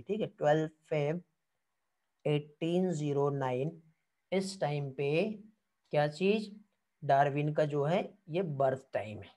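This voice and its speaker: A man's voice: on the high side, a little mellow. A male biology teacher giving an online exam-prep lecture. He calls the students 'beta', checks often whether they follow, and answers their comments. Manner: calls students 'beta', keeps asking 'theek hai'.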